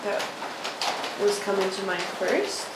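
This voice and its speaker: A woman's voice: mid-range voice, lively intonation, slow. A woman taking part in a workshop, reflecting casually on an experience in a hesitant, tentative way. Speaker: workshop participant. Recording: echoey room with clear noise.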